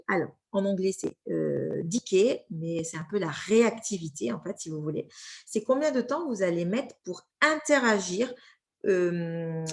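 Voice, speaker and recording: A woman with a French accent giving an informal training talk, chatty, with many fillers and frequent check-in questions to her listeners. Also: medium pitch. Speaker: social media trainer.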